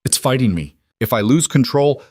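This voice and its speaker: A cursed young prince, as a male narrator puts him on, cold and clipped, his voice rasping and breaking into strained shouts. The recording is dry and close. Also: mid-range voice, lively intonation, normal speed, dry recording, pitched above the performer's own voice, lightly acted. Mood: agonized.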